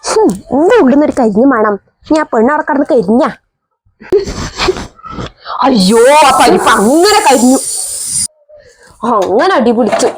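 A woman plays a bossy middle-aged mother-in-law in a home family skit, speaking. Her voice sits high and sharp as she nags and hurls insults without letup. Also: lively intonation, quick pace, breathy edge. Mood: scolding. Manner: nagging, shrill, scolds and insults.

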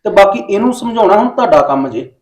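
A man playing a calm Punjabi son. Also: high-pitched, fast. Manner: calm, reassuring. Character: reasoning young adult son, calm and reassuring.

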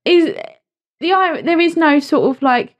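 High, giggly woman. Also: a little slow. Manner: giggly, curious, rambling questions. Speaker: podcast co-host. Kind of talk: casual chat.

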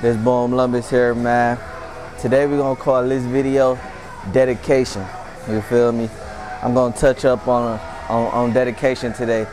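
A man's voice: mid-range voice, flat delivery, normal speed, over music. A young American man giving a casual, slangy motivational talk to camera, repeating his catchphrase. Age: young adult. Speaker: fitness vlogger giving motivation. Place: small wood-panelled indoor room.

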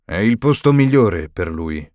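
A man voicing an old wise male wizard in an audiobook, speaking gravely and firmly. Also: fairly low pitch, expressive, darkish tone, dry recording, studio quality. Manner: slow, grave and firm.

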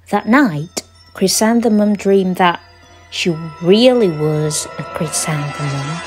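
A woman reading a children's picture book aloud in an expressive storytelling style. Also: on the low side. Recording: clear music behind the voice. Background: background music.

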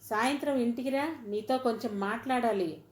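A woman voicing a kind, motherly middle-aged woman doctor who asks questions with warm concern. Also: on the high side, moderate pace, close to an everyday voice. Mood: gentle. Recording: roomy echoey recording.

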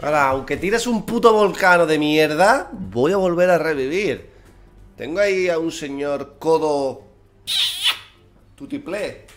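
A man's voice: high voice, a bit bright. Give me a tired young Spanish man with a Spanish accent streaming a card game, swearing a lot and mocking his opponent, with faint game music underneath. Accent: Spain Spanish. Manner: chatty, swears often, teases the opponent. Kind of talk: casual gameplay commentary. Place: small room indoors.

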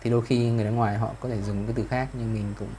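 A man teaching English over a video call with a Vietnamese accent, explaining in Vietnamese and slowly modelling English phrases. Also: medium pitch, level tone, dark tone, slight background noise. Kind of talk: one-to-one online lesson, explaining in Vietnamese.

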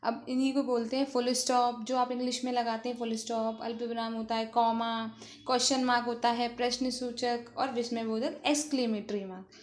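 A woman, a school teacher giving a grammar lesson to her students, explaining slowly and asking them questions she then answers herself. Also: on the high side, flat delivery, a little hiss or hum.

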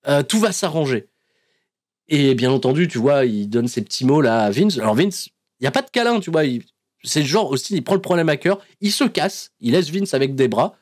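A male podcast host tells the story in lively, casual chat, with frequent "euh" fillers. He chuckles often as he goes and jumps into acted voices. His pitch sits in a middle range. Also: a little fast. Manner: animated storytelling, laughs often, many fillers. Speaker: podcast host recapping wrestling episodes.

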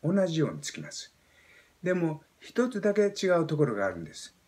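A Japanese man in his seventies teaching pronunciation, explaining step by step and demonstrating sounds with animated emphasis. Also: on the high side, fairly quick. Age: 70s. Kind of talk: explaining lesson.

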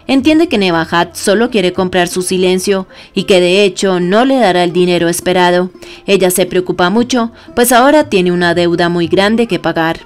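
A woman reading a scripted recap of a TV drama episode in an even, steady storytelling manner. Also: mid-range voice. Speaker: narrator. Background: faint background music.

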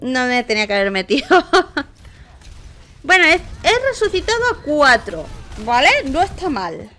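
A young woman from Spain with a Spanish accent, giving excitable live gameplay commentary and often shrieking and laughing. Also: high voice, unhurried. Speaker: gaming YouTuber.

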